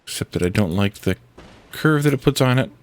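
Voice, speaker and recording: A man with a stuffy head cold mutters to himself while building in a game he's streaming, giving casual let's-play commentary. His medium-pitched voice is clear, resonant and expressive, and he talks a little fast.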